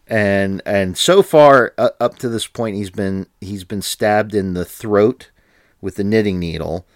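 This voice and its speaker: A man with a low voice talks slowly as a podcast co-host, his pitch rising and falling widely as he chats. He laughs often and fills his pauses with ums and restarts. The recording is dry and close. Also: no room sound. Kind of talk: casual chat.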